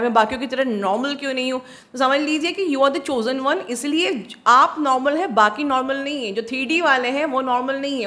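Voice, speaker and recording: A woman with a high voice gives a spiritual counseling talk to her viewers. She slows down to stress English phrases and often stops to ask whether everyone is following. Soft music plays faintly behind her. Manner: slow, emphatic English phrases mixed into Hindi; keeps checking in with listeners. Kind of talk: monologue to viewers.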